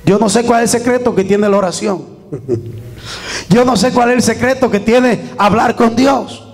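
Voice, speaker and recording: High-voiced fervent preacher in a reverberant church. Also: male voice, measured pace. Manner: fervent preaching with call-and-response to the congregation. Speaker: pastor. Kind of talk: sermon.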